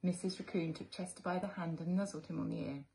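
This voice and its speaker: A British woman in her thirties or forties, a teacher gently reading a children's storybook aloud at home. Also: on the low side, animated, quick pace, vocal fry, a little hiss or hum. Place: living room at home.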